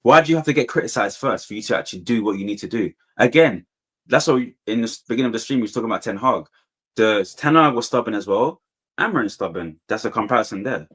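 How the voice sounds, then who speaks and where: A man's voice: on the low side, expressive, quick pace, fairly bright tone, husky. A man in a casual football debate, slangy and repeating points for emphasis. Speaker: football fan panellist.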